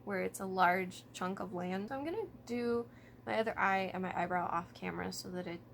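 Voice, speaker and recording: A woman's voice: on the low side, brisk, vocal fry, slight background noise. A woman talking informally to camera about true crime, thinking aloud and hedging as she goes. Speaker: vlogger.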